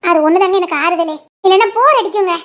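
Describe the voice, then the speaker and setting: High-pitched playful wife, coaxing. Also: female voice, quick pace, fairly bright tone. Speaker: wife in a village family drama. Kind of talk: colloquial Tamil family drama acting.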